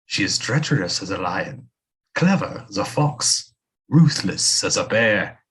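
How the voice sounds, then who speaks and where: Low and unhurried, the actor delivers a full character voice as a queen's seer and physician in an audio play. The role is a flattering, theatrical man, spoken in a grand, courtly, dramatic manner.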